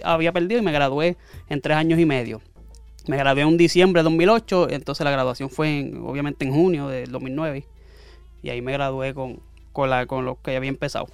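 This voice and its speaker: Chatty man, smooth dry voice. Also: a little high, steady tone, fairly quick, no echo, faint music behind. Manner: rambling, self-correcting storyteller. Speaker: guest. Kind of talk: casual interview chat.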